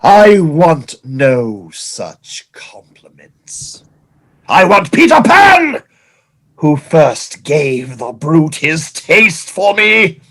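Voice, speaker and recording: An actor playing a vengeful, scheming pirate captain in an audio play, with a grandiose, drawn-out, melodramatic delivery. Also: male voice, fairly high pitch, big pitch swings, fairly bright tone, exaggerated voice. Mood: bitter, menacing.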